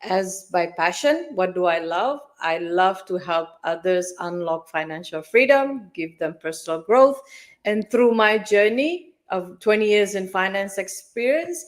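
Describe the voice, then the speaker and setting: A woman in her forties from Fiji, a guest in a live interview, speaking in a measured, reflective way. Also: mid-range voice. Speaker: guest, finance mentor.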